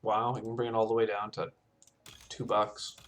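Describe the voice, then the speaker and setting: Fairly low in pitch and with little pitch movement, this man's voice moves at a normal speed. He plays his own game and comments casually, talking himself through each decision as he goes.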